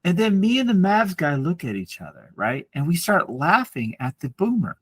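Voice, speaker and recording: A man's voice: fairly high pitch, moderate pace, breathy edge, no echo. A man in his forties co-hosting a podcast, ranting and telling stories with lots of swearing. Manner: profane, ranting, animated storytelling. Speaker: podcast co-host. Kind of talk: casual chat.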